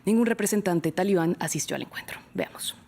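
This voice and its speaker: Casting: woman news presenter, low husky voice, measured studio delivery. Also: a little mellow.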